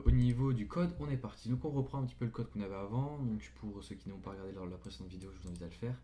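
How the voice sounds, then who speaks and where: A man's voice: lowish voice, mellow, a little hiss or hum. A man giving a casual electronics tutorial, talking in a slangy, informal way with jokey asides while he handles his gear. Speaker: tutorial presenter.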